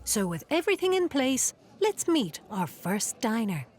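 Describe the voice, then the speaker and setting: A woman narrates a documentary from a script. Her voice is on the high side and swings animatedly in pitch, with clear music underneath. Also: sing-song, a little slow.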